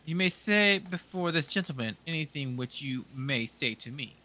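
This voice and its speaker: A man reading as a dry, brisk detective. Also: fairly high pitch, expressive, bright, forceful tone, slight background noise. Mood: assured. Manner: brisk, crisp and dryly assured. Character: sharp, confident male detective, dry and commanding. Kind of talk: audiobook reading.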